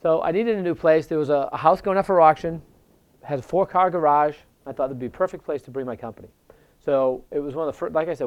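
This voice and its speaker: A man, a real estate investor, telling stories and giving advice in a casual, animated way, acting out the dialogue. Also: on the high side, lo-fi sound. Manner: animated, acts out quoted dialogue. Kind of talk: casual storytelling advice talk.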